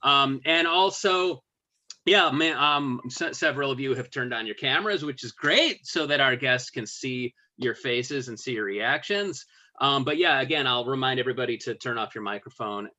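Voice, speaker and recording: Host, man, halting delivery with lots of ums, sharp bright tone, dull lo-fi call audio. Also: medium pitch. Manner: halting, many fillers. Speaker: event host. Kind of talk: introduction. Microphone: video call.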